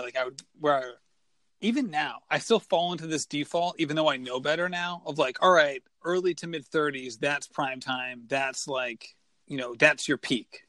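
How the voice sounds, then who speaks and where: This podcast host has a voice on the high side with a sharp tone, recorded with no room sound. He chats casually and enthusiastically, rambling with lots of "like" and other fillers as he asks his questions in a casual interview chat.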